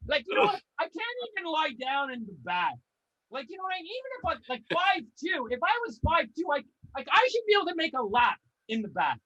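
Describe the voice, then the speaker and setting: A man's voice: extremely high pitch, wildly swooping pitch, brisk, sharp tone, lo-fi sound. A man from Canada doing a stand-up comedy set over a video call, swearing a lot and ranting in exasperation while acting out his own exclamations.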